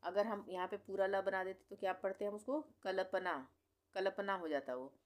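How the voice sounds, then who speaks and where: A woman teaching Hindi reading, saying each difficult word slowly several times and explaining how it is pronounced. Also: mid-range voice. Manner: repeats each word slowly, stretching syllables; patient, explanatory questions to the learner. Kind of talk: slow instructional reading lesson.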